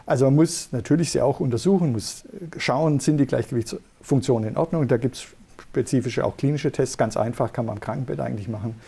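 A man's voice: medium pitch, brisk, vocal fry, warm tone, breathy edge. A middle-aged man, a neurologist, patiently explaining in an interview. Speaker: neurologist guest.

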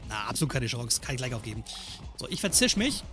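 A man hosting a gaming channel, giving let's play commentary in an animated, joking way and scolding the game's enemies. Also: medium pitch, fast, music in the background.

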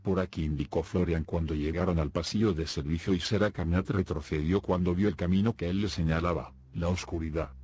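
A man narrating an audiobook in a steady storytelling delivery. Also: low-pitched, a little fast, hardly any pauses, slightly rough. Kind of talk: scripted narration. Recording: music playing behind the voice.

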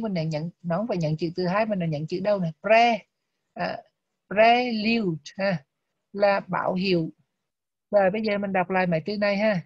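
Woman, Buddhist text lesson, slow deliberate pronunciation drills, muffled lo-fi sound, dry close recording. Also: medium pitch, dry recording. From Vietnam. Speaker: Abhidhamma teacher.

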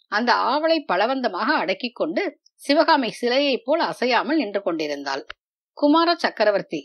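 A woman narrating a historical novel aloud in a measured, expressive reading. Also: a little high. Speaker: storyteller. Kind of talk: storybook narration.

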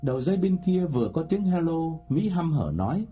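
A man narrating a short story audiobook in an expressive storytelling manner. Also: on the high side, a little fast, slightly rough, lo-fi sound, soft background music.

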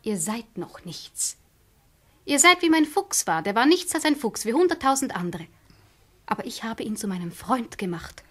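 A woman's voice: on the high side, big pitch swings, normal speed. A woman playing an earnest little prince. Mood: proud, tender. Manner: earnest, questioning, childlike. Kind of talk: classic radio play acting.

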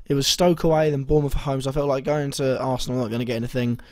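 A young man whose slightly hoarse voice is still recovering rambles through his fantasy football week in a casual video commentary, full of ums and self-corrections. His pitch is medium and his delivery flat but racing, captured in a dry recording.

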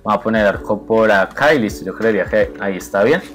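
A young man giving excited, playful commentary over his own gameplay, teasing his opponent and laughing often. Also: fairly low pitch, fast talker, faint music behind. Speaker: gaming video creator.

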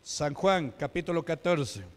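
A man with a Peruvian Spanish accent preaches a Pentecostal sermon as a deacon, his voice sitting a little high. He keeps asking the congregation questions as he goes. The sound rings with a long reverb in a church hall. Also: expressive, a little slow. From Peru. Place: church sanctuary.

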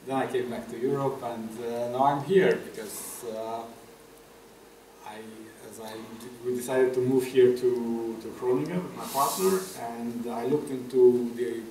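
Middle-aged guy from romania, halting speech with lots of ums, echoey room, faint hum behind. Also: mid-range voice, fairly even intonation. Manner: soft-spoken, hesitant, many fillers. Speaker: guest artist. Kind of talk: interview at a festival talk. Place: room with a table, audience. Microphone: table mic on stand. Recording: echoey room, far from mic.

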